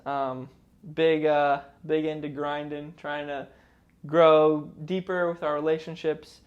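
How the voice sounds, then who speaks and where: A man's voice: a little high, level tone, takes it slowly, phone-quality sound. A man in his twenties co-hosting a podcast, joking and teasing his friend in slangy casual chat. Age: 20s. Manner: jokey, teasing, uses slang. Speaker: podcast co-host. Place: indoor room, filmed by a cameraman.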